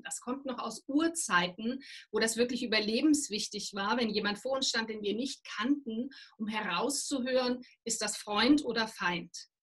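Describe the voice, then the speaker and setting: Husky-voiced woman voice trainer explaining. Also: on the high side. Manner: calm, instructive, demonstrates breathing. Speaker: voice and presentation trainer. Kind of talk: explanatory interview answers.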